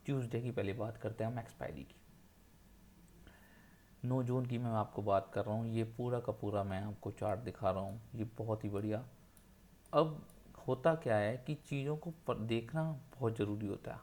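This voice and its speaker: A man's voice: on the low side, steady tone, moderate pace, a little mellow. A man walking viewers through trading charts in a screen-share tutorial, pressing his points with repetition. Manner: insistent, repeats points for emphasis. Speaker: trading educator.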